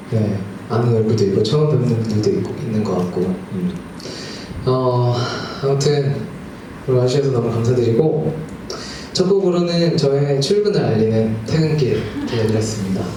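A man's voice: medium pitch, background noise. A man in his thirties, a singer-songwriter talking in a friendly, slightly nervous way with his audience between songs. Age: 30s. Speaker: singer-songwriter performing live. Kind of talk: stage banter between songs. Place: small live music club. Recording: echoey live club, distant mic, music behind.

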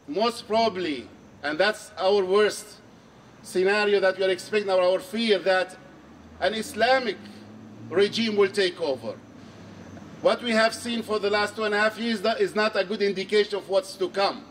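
A man's voice: high voice, far from the mic, a little hiss or hum. Earnest middle-aged man addressing an outdoor rally. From Syria. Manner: earnest, measured, repeats key phrases for emphasis. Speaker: archbishop speaking at a rally. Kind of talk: public speech at a protest. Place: outdoor square under trees. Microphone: handheld mic on a stand.

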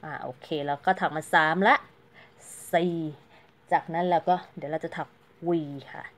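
A woman's voice: lowish voice, steady tone, normal speed. A woman giving a casual, chatty crochet tutorial, counting stitches aloud and explaining each step politely. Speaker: crochet teacher.

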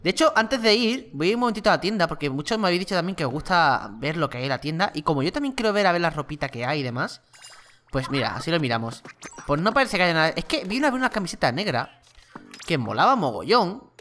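A gaming channel host with a Spain Spanish accent giving chatty, excitable gameplay commentary. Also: mid-range voice, fast, a little hiss or hum. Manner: excitable, chatty, exclaims and laughs during play.

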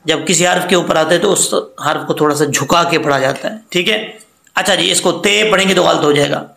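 High-voiced slow Quran teacher, echoey room. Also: male voice, gravelly, fairly bright tone. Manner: patient step-by-step spelling of syllables, slowed chanted recitation. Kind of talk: Quran reading lesson.

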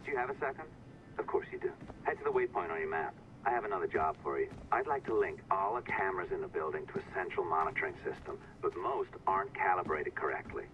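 A secretive hacker voiced by a man speaks through a communicator, smooth and sly as he hands out instructions. His voice sits very low. The game audio sounds dull and lo-fi. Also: quick pace, slight background noise, close to an everyday voice.

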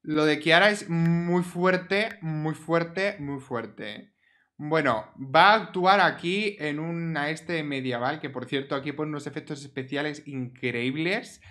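A man commentating a life-simulation game, expressive and exclaiming, often scolding the characters. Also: on the high side, takes it slowly. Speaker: gaming YouTuber. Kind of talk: Sims let's play commentary.

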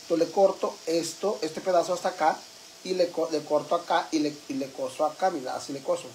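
A man's voice: a little high, fairly even intonation, brisk, darkish tone, slight background noise, lightly acted. A man with a Mexican accent playing a brash, foul-mouthed middle-aged woman who gossips with her viewers in a comic vlog. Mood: chatty. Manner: crude, gossipy, addresses viewers as sisters.

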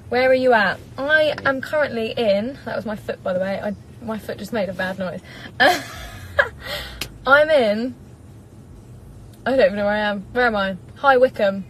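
Sitting in a parked car, a singer in her twenties with an English accent chats casually with her live-stream audience and reads their comments, talking into a phone propped in front of her. Her voice is a little high, animated and fairly bright, her pace measured, her manner bubbly and giggly. The recording is low quality with slight background noise.

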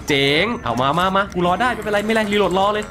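A young man commentating his horror game play, excitable and crude, joking and swearing at enemies. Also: high voice, moderate pace. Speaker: gaming streamer.

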